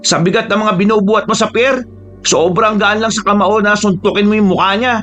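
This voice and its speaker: A man doing a fussy, excitable young friend. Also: high-pitched, fairly quick, faint music behind, pitched above the performer's own voice. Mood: exasperated. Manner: fussy, exasperated, talkative.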